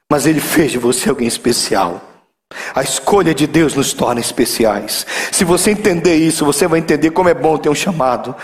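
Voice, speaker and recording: A man preaching a sermon, swinging between loud, high exclamations and low, intimate asides. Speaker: pastor.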